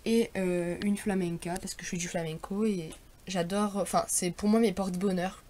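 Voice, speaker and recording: A woman's voice: on the low side, steady tone, moderate pace, warm tone, slight background noise. A teenage girl in a casual vlog, showing her school bag and talking in a chatty, hesitant way with many fillers. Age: teens. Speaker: vlogger.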